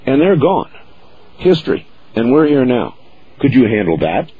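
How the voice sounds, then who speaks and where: A man hosting a call-in radio talk show, with a smooth radio host delivery and an easy, steady way of taking callers. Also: medium pitch, normal speed. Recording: muffled radio broadcast with faint hiss.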